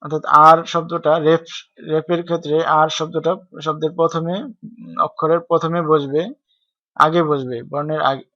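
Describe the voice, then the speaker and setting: A man's voice: fairly high pitch, little pitch movement, normal speed, sharp tone, no room sound. A man gives a screen-recorded typing tutorial, explaining step by step and spelling out keys letter by letter. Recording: dry, dull lo-fi home recording.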